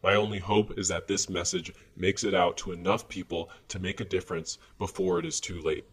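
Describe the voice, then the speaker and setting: A man's voice: low-pitched, level tone, a little fast, slight background noise. A man playing a grave, fearful research whistleblower in a scripted sci-fi monologue, his voice disguised with fuzzy distortion. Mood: grave, urgent. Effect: distorted voice disguise with fuzz. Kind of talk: scripted science fiction monologue.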